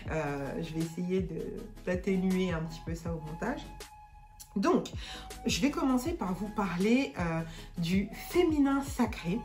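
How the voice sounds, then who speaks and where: Slow, hesitant French-speaking woman. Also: fairly low pitch, expressive, a little mellow, faint music behind. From France. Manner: hesitant, many fillers and restarts. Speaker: vlogger. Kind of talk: casual unboxing chat.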